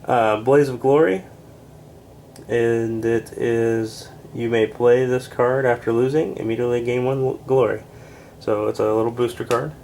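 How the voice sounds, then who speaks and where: A congested man reviewing a board game, reading card text aloud in a plain, unhurried way with casual asides and fillers. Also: medium pitch, a little mellow, a little hiss or hum. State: congested, short of breath.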